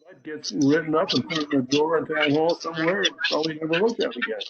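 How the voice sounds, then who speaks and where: A man's voice: fairly high pitch, steady tone, fast talker, gravelly, lo-fi sound, background noise. A man on a town committee speaking bluntly and skeptically at an online meeting. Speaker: committee member.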